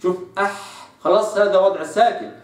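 A man with an Egyptian accent teaching Quran recitation, explaining and slowly demonstrating letter sounds. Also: high-pitched. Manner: slow drawn-out sound demonstrations between explanations. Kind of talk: tajweed lesson with demonstrations. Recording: echoey room, voice a bit distant.

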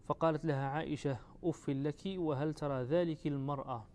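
A man, a student, reading a religious text aloud in a steady, formal way. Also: fairly high pitch, a little fast.

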